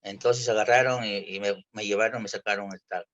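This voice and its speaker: A man from Peru, giving an earnest personal testimony in church, halting and full of restarts. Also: lowish voice, fairly even intonation, fairly bright tone. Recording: dull lo-fi church recording.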